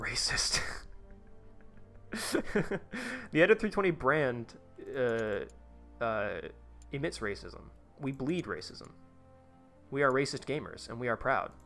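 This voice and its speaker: A man with a medium-pitched, slightly bright voice live-streams a tycoon game. He rambles and swears casually, chatting with his viewers as he plays.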